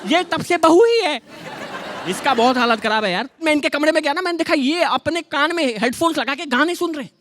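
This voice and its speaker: A man's voice: very high voice, lively intonation, a little fast, a faint crowd. A young man from Jharkhand doing stand-up, telling chatty, teasing, exaggerated stories. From Jharkhand, India. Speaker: stand-up comedian. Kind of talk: stand-up comedy. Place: studio stage with live audience. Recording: loud studio audience and noise.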